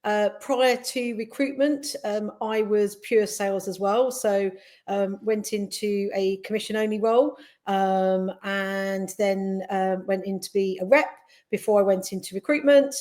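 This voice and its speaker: A woman in her fifties introducing herself on a panel, relaxed and full of fillers. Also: mid-range voice, unhurried. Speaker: recruiter, panel guest.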